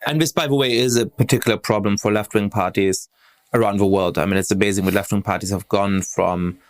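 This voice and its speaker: A man's voice: fairly low pitch, fairly even intonation, brisk. A man hosting an interview podcast, thoughtfully framing questions and adding his own commentary. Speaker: podcast host.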